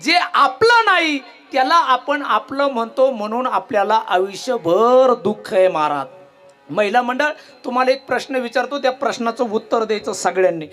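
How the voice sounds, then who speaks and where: A male kirtan preacher delivers a devotional sermon in a lively, joking manner. He slips into the voices of villagers and keeps firing questions at his listeners, with soft instrumental music in the background. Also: very high voice, moderate pace. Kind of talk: devotional sermon with humorous storytelling.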